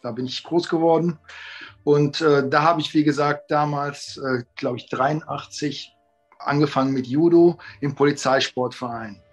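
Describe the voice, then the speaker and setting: Brief: fifties male martial arts teacher, rambling guest, slightly high, faint music behind. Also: fairly even intonation, moderate pace. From Italy and Germany. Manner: rambling, many fillers and restarts. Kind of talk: casual interview talk.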